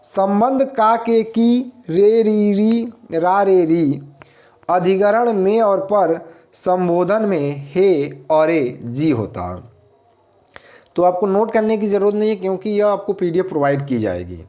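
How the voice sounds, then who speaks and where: A man teaching grammar at an unhurried pace. His pitch rises and falls a lot as he poses a question and then answers it himself. He repeats each answer so students can follow. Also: animated, warm tone. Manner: explains slowly, repeats answers, asks and answers own questions. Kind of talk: grammar lesson.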